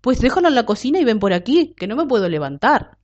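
A woman's voice: fairly high pitch, big pitch swings, fast, darkish tone, pitched above the performer's own voice. Woman doing a sly coaxing wolf. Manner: coaxing, crafty. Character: sly scheming male wolf. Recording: dull lo-fi recording.

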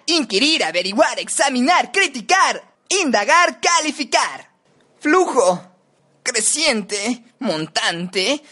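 A woman's voice: high voice, fairly bright tone. A woman from Mexico, a radio announcing student, reading synonym lists aloud and shifting her tone from word to word. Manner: slow, deliberate, shifting tone word by word.

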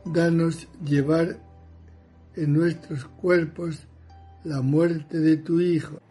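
A man leading recited liturgical morning prayer in a solemn, measured way, as a prayer leader. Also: fairly high pitch, flat delivery. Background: soft music.

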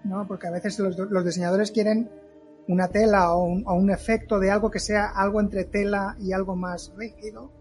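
A man talking casually as an interview guest, explaining haltingly and repeating words. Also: high voice, flat delivery, darkish tone, faint music behind. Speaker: podcast guest, film costume maker.

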